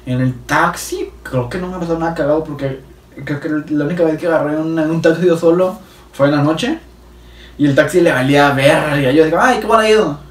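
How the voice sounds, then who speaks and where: A man's voice: fairly high pitch, steady tone, fairly quick. A young man from Mexico with a Mexican Spanish accent, telling stories in a casual, slangy way and laughing often. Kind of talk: casual chat. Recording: echoey room, mic at a distance.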